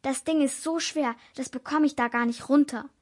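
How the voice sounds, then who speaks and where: A woman voicing a grumbling, heavyset male smuggler in a storybook reading, raising her pitch a little. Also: steady tone, normal speed, darkish tone, close to an everyday voice. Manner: grumbling, muttering.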